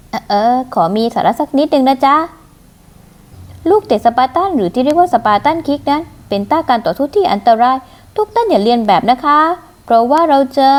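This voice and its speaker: A woman reading a manga aloud, voicing it and adding playful asides. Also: sits high. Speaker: manga recap narrator.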